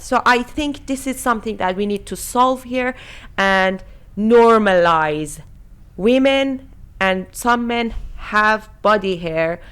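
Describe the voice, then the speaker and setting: A woman's voice: mid-range voice, a bit bright, smooth. A woman in her thirties, born in Iran, co-hosting a casual chat show with a playful, self-assured manner. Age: 30s. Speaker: podcast co-host.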